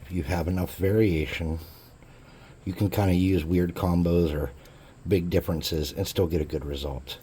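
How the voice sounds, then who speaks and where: A man's voice: deep voice, fairly even intonation, normal speed, mellow, slightly rough. A man hosting a casual hobby crafting tutorial, chatting in a laid-back, jokey way as he works. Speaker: crafting channel host.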